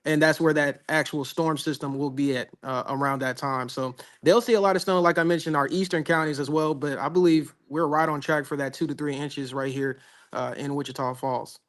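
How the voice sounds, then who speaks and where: Man, higher pitch, laid-back drawl, casual forecast talk. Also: fairly even intonation, a little fast, fairly bright tone. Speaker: weather co-host. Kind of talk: casual live weather chat.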